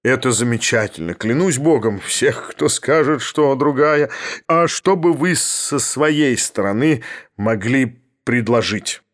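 A man's voice: mid-range voice, animated, takes it slowly. A man voicing an imperious, ironic older professor who speaks in a haughty, thundering way in an audiobook reading.

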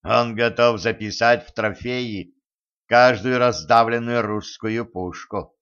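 A man voicing a stern, irritated German general in a wartime audiobook, speaking in curt, measured phrases. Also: medium pitch, animated, highs cut off.

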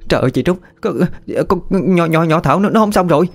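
A man voicing a boastful, scheming young village woman, showy and shrill when panicked. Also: fairly quick, a little mellow, faint music behind, close to an everyday voice.

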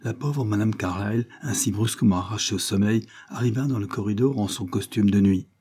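A man narrates a classic novel for an audiobook, reading in a measured, even manner. His voice sits low and warm, with a faint husky edge. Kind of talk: scripted narration.

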